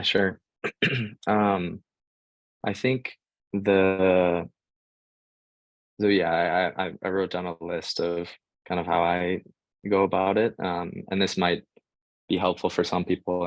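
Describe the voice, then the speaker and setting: On a dry, poor-quality recording, a young man from the US shares informal job-search tips as a guest on a panel. His low voice barely moves in pitch, he talks a little slowly with frequent pauses, and his hesitant speech is full of fillers.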